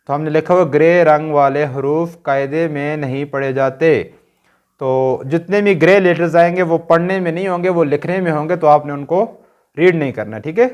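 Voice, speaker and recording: A man's voice: a little high, darkish tone, lo-fi sound. A man with a Pakistani Urdu accent teaching Quran reading in a recorded lesson, patiently drilling short sounds one by one and checking that learners follow.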